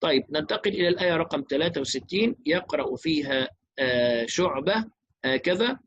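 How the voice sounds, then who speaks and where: A man teaching Quran recitation, explaining rules briskly and chanting verses slowly and melodically. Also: fairly high pitch, expressive, slightly rough, dry recording, highs cut off.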